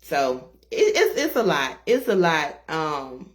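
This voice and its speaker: A woman co-hosting a casual interview, relaxed and rambling with frequent laughs. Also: sits low, slow pace. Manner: relaxed and rambling, laughing often, many fillers. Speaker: co-host, interviewer.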